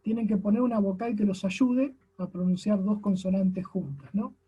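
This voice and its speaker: Explaining each step of a recorded lesson, this Argentine Spanish-accented language teacher keeps tacking a questioning "no?" onto his sentences. The voice is husky and dark, mid-range and steady, at a moderate pace, and the audio sounds dull.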